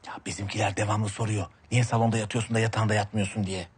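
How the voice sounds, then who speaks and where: A man's voice: fairly low pitch, flat delivery, fast talker, slightly rough. An actor playing a scheming, lazy man who wheedles his wife and brother with melodramatic complaints. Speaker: actor in a TV comedy series.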